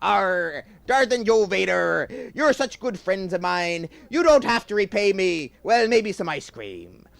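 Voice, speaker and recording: A jolly storybook pirate, put on by a man with a high, gravelly voice that swings up and down, growling "arr" between words. He sounds husky and rough around the edges. It is a bedtime tale told for a child. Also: big pitch swings, a little slow, hardly any pauses, a bit bright, dry recording, full character voice. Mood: friendly.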